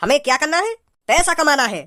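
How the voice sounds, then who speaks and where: Someone doing a fast, high-pitched bossy gang leader. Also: big pitch swings, pushed and bright, heavily acted. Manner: domineering, scolding, crude. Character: bossy, greedy thief gang leader and stern father.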